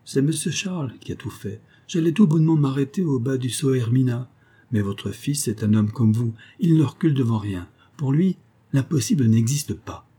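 A man reading the part of a weathered older boatman and former convict, low-voiced, humble and eager to serve. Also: normal speed, mellow, breathy edge, natural voice. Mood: earnest.

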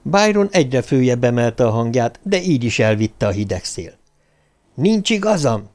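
A man with a mid-range voice narrates a science fiction audiobook. His reading is measured and dramatic, setting up the scene between spoken lines. Steady, storybook delivery. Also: medium pitch. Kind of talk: scripted narration.

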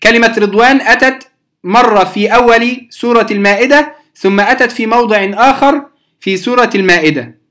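A teacher giving a beginner lesson on Quranic readings, patiently repeating key terms, pausing with the odd hesitation and often asking whether it is clear. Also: mid-range voice, fairly bright tone. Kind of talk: beginner lesson explaining rules.

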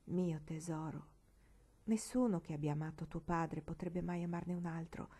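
A woman voicing a gentle, loving widowed mother in a storybook reading, speaking softly and tenderly. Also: mid-range voice, expressive, normal speed. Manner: soft and tender, amused then hushed.

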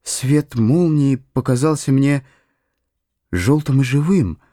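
A man narrating a literary audiobook in a measured, expressive way. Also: medium pitch, no room sound, studio quality. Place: studio.

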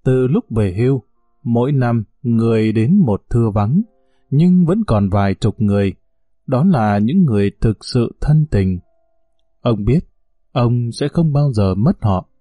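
A man narrating short stories in a measured storytelling manner. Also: dry recording, faint music behind. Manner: measured storytelling, lively pitch. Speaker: audiobook narrator.

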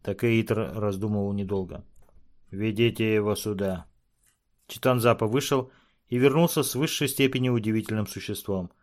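A man reading a novel aloud as narrator in a steady, measured way. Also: fairly low pitch. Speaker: audiobook reader. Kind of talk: scripted narration.

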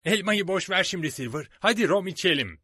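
A man's voice: high-pitched, lively intonation, husky, no room sound, clean studio sound, voice pushed up, full character voice. Man voicing a surly, roaring pirate helmsman. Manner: grumbling and loud, quick to roar. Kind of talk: storybook read-aloud.

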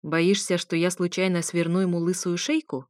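A woman's voice: fairly low pitch, level tone, no echo, natural voice. A sardonic grown man drawls dry jibes at an easy pace, as a woman narrator plays him. The audiobook voice sounds close and dry. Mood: mocking. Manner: dry, mocking, unhurried. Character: sardonic adult man, the heroine's ex.

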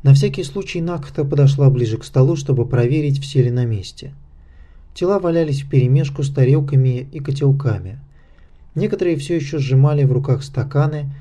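A man reads a fantasy audiobook with steady, measured narration. His tone is deep and dark, mellow rather than bright, at an ordinary male pitch. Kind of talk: scripted narration.

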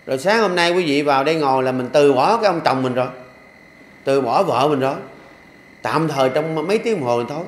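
A man's voice: fairly high pitch, a little hiss or hum. A man, a monk, gives a sermon in a somewhat raised voice. He talks in a homely, repetitive way with joking asides. The recording is roomy and echoey, with faint background ambience. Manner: folksy, repetitive, humorous asides. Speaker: Buddhist monk teacher. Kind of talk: dharma talk sermon. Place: temple hall.

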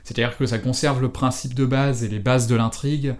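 A man's voice: medium pitch, a little fast. A man co-hosting a podcast on book adaptations, chatting casually with frequent hesitations. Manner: hesitant, many fillers, steady reading. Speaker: podcast co-host. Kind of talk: casual film chat and book reading.

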